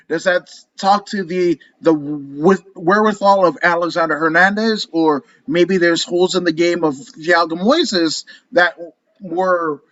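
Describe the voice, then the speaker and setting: A man co-hosting a casual podcast chat, animated and profane, rambling through his rants. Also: high voice, no echo, muffled recording. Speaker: co-host.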